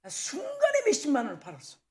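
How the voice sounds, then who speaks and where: A woman pastor preaching a sermon at a church service, telling candid personal stories in a lively way and acting out the dialogue. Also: sits high, quick pace. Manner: candid, animated storytelling with acted-out dialogue.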